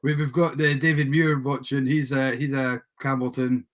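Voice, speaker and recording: A man with a Scottish accent hosting a casual chat show in an informal, slightly halting way. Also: mid-range voice, level tone. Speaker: livestream host.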